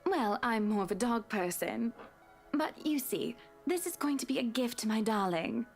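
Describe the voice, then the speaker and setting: A woman's voice: on the high side, lively intonation, normal speed, gravelly, darkish tone, breathy edge, soft background music, heavily acted. Lady doing a sugary stuck-up rich woman, talks down to everyone. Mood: condescending. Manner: sweetly condescending, drawling.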